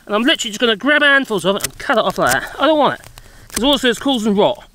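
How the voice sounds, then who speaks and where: Woman gardening vlogger, outdoors, animated and playful, light joking banter. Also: on the high side, very fast, slight background noise. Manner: chatty and jokey, chatting to her dog. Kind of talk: casual gardening walkthrough.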